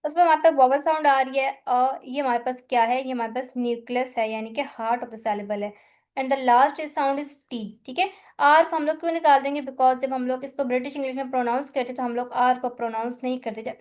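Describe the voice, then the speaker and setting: Pakistani-accented woman tutor, high voice, patient explainer who keeps checking in. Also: steady tone, fairly quick, a little mellow. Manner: patient, repeats "thik hai" to check understanding. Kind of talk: explaining a lecture in mixed Hindi and English.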